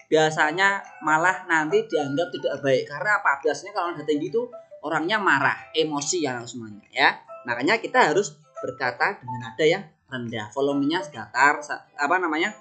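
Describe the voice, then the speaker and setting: A male teacher leads a lesson for young children in a bright, clear voice. He keeps the class with him by posing questions and answering them himself. Faint music plays underneath. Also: a little high. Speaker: religious education teacher.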